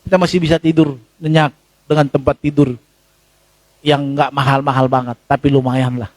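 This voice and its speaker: At a moderate pace, an Indonesian-accented male pastor delivers a church sermon, talking to the congregation in a lively, conversational way. He shifts between high exclamations and low asides, and the recording has no echo.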